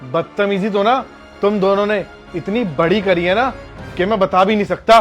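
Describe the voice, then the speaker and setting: A man's voice: sits high, normal speed, soft background music, lightly acted. A man playing a stern, lecturing tutor. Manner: scolding, lecturing. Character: stern, moralizing male tutor. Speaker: tuition teacher. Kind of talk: short social-drama skit acting.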